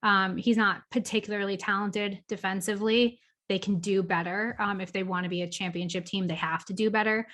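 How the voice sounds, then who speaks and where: A woman from the Boston area co-hosts a podcast, discussing sports in a chatty, opinionated way and dropping lots of "like" and "um." Her mid-range voice is steady and a bit bright, and she talks briskly with hardly any pauses.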